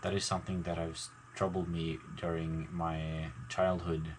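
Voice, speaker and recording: A man, a gaming video maker, talking casually to his viewers in a halting, mumbling way with many fillers and restarts. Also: low voice, level tone, a little hiss or hum, rough recording. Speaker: gaming YouTuber. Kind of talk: casual talk to camera.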